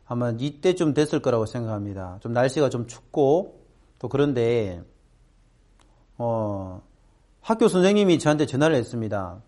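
A middle-aged man speaking to students, telling a personal story and acting out the voices of people in it. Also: moderate pace. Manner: animated, acts out quoted voices with big pitch jumps. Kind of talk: storytelling talk.

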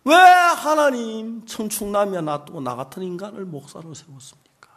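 A middle-aged man preaching a sermon as pastor. He swings from loud emphatic phrases to hushed near-whispers and draws out key words slowly. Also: sits high, expressive.

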